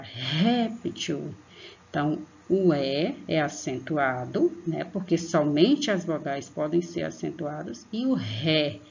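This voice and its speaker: A patient woman teacher, her voice low, creaky, and darkish, teaches children online and addresses her pupils as "tia". She elongates and stresses example words. The recording is dull, lo-fi online class audio.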